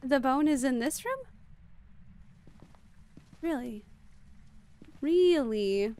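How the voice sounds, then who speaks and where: A woman game streamer talks at breakneck speed through live commentary. Her voice sits high and sounds smooth and clear. She greets viewers by name between moves. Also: expressive, dark tone. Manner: talks extremely fast.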